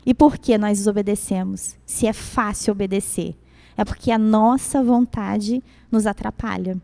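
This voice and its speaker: Warm-voiced Brazilian woman preaching. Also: mid-range voice, fairly even intonation, moderate pace, creaky, no echo. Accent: Brazilian Portuguese. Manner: conversational, frequent tag questions. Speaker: youth service preacher. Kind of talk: sermon with personal stories.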